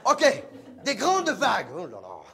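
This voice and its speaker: A man playing a pushy, excitable male casting director who barks orders at an actor during an audition, in a live one-man comedy show. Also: very high-pitched, unhurried, gravelly, some chatter behind, voice pushed up, heavily acted. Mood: demanding. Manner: bossy, demanding, impatient.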